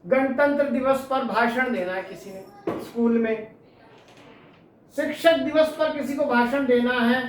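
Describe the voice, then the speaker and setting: A woman's voice: on the high side, unhurried. A woman teacher giving an exam-prep lecture who asks her students questions and then answers them herself. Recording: very echoey room, distant mic.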